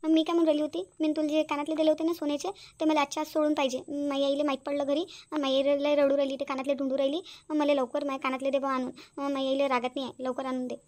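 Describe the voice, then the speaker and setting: Brief: a woman as young village daughter in a cartoon, full of self-blame, quick high speech. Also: little pitch movement, darkish tone, close to an everyday voice. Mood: insistent. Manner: guilty, self-reproaching monologue. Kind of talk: cartoon voice acting.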